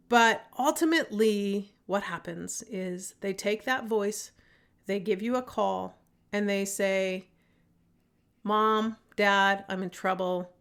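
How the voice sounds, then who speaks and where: A woman's voice: medium pitch, vocal fry, fairly bright tone. A woman in her thirties hosting a solo podcast, talking casually and earnestly with many fillers and restarts. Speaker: podcast host.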